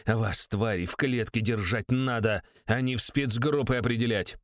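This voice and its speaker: A man's voice: medium pitch, moderate pace, no room sound, studio quality, voice pushed up, close to an everyday voice. A man voicing a contemptuous, bullying older male secret police official. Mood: shouting.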